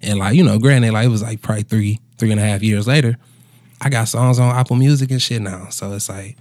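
A man's voice: fairly low pitch, fairly even intonation, fairly quick, darkish tone, no room sound, studio quality. A man in his twenties, a musician chatting casually in a laid-back, slangy bro manner with plenty of swearing. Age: 20s. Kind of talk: casual conversational storytelling.

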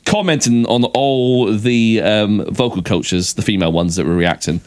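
A man's voice: fairly low pitch, moderate pace. A man co-hosting a metal podcast, chatting casually in a rambling way and laughing a lot. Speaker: podcast co-host. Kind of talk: casual chat.

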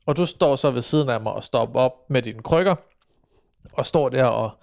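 A man's voice: mid-range voice, gravelly. A man in casual chat, recounting a story hesitantly with many fillers.

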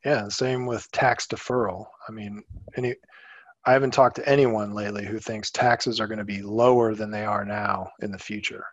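A man co-hosting a finance podcast, explaining in a casual way, often trailing off quietly and saying "you know". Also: fairly low pitch, steady tone, normal speed, dry recording. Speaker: podcast co-host.

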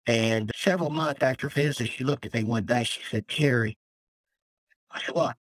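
Man in his own voice, earnest and emotional, testifying over a call; mid pitch, dry sound. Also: fast, dry recording, low-quality recording. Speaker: death row inmate guest. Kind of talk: personal faith testimony. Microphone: phone call.

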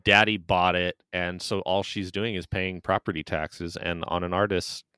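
Very deep, smooth-voiced man. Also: little pitch movement, normal speed, sharp tone, no echo, studio quality. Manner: playful, jokingly defensive. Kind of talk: casual movie discussion.

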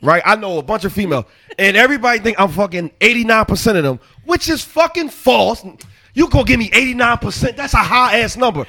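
A man in his thirties hosting a podcast, chatting casually, loud and joking, swearing freely. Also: sits high, animated, fast. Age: 30s. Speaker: podcast host. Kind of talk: casual chat.

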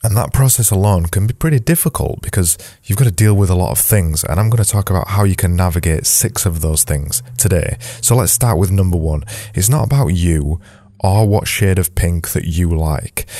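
A man with a very deep, mellow voice hosts his own podcast, sounding a little nasal from a blocked nose. He talks loosely and conversationally, restarting his sentences, in a dry, close recording. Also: animated, moderate pace, no echo. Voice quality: slightly nasal. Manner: rambling, self-correcting, conversational. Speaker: podcast host. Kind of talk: solo podcast talk.

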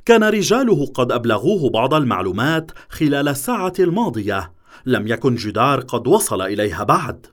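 Expressive male thriller audiobook narrator, lively intonation. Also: mid-range voice, a little fast.

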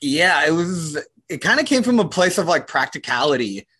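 A man speaking as a podcast guest in a relaxed, laid-back way, often saying "like". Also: a little high, normal speed, breathy edge. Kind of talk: casual conversation.

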